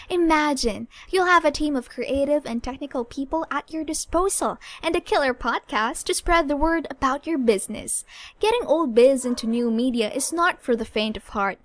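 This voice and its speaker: A woman voicing a confident radio-style podcast promoter, with her voice deepened. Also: normal speed, no echo, lightly acted. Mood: punchy. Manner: deepened, punchy radio-personality delivery.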